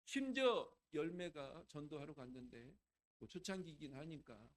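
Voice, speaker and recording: A middle-aged man, a pastor, preaching a sermon in a conversational way, asking the congregation questions and swinging from hushed to loud. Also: a little high, expressive, normal speed.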